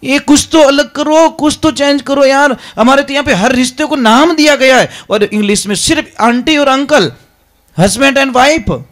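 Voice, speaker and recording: A man's voice: very high voice, a little slow, fairly bright tone. A man preaching a devotional sermon, emphatic and repeatedly calling his listeners maharaj. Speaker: religious preacher.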